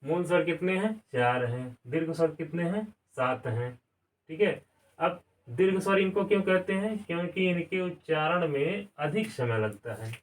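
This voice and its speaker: A man's voice: a little high, expressive, normal speed. Male teacher, classroom lesson, asks and answers his own questions, distant mic. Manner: asks a question and answers it himself, repeats key words. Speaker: grammar teacher. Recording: distant mic, some room sound.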